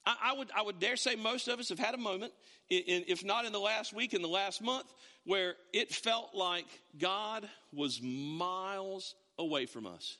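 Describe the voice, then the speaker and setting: A man preaching in a church sanctuary, his voice very high and bright. He talks in an animated way, tripping over words and restarting sentences. A long reverb from the hall trails each phrase. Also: moderate pace. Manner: animated, with frequent stammered restarts. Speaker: pastor. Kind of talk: sermon.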